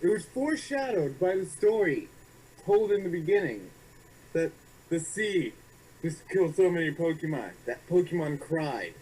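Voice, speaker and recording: A young man co-hosting a film review, chatty and a little halting as he adds his points. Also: a little high, sing-song, a little mellow, breathy edge, low-quality recording. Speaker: reviewer co-host. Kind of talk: casual review chat.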